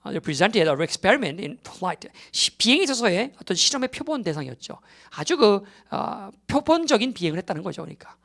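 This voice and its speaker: A man's voice: high-pitched, very animated, normal speed, gravelly, hardly any pauses, fairly bright tone. A man giving a recorded exam-prep English lecture. He explains step by step, keeps checking that students follow, and drops English terms into his Korean.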